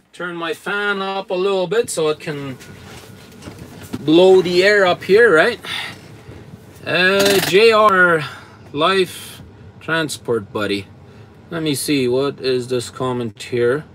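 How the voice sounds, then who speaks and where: A Canadian trucker streams a live show from his truck cab, where a bunk heater and fan run, reading out viewer comments as they arrive. His fairly high, slightly bright voice comes across blunt and straightforward, packed with fillers and frequent little chuckles, with slight background noise.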